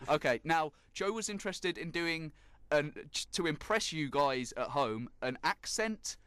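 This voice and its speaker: A man's voice: on the high side, expressive, measured pace, fairly bright tone, clean tone, no room sound. A man hosting a casual radio show, laughing often and steering the chat. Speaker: radio host.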